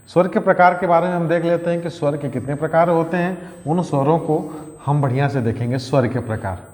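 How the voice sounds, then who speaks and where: Guy teaching a grammar class, kinda high voice, lots of reverb, keeps repeating stuff and quizzing the kids. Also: fairly quick, a little mellow. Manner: repeats key phrases, quizzes pupils, calls them "beta". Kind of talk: exam-prep grammar lesson. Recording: echoey room with long reverb.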